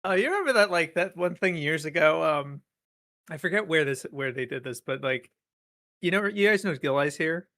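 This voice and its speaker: Podcast host, male, higher bright voice with a dry close sound, rambling and chatty on a call. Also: lively intonation, normal speed, dry recording. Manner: rambling, laughing between thoughts. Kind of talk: casual chat on a live video call. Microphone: computer mic on a call.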